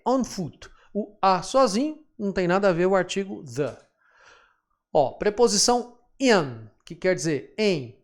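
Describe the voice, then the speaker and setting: A man teaching English grammar patiently, checking in often with his students. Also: high-pitched. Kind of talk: screen-share lesson explanation.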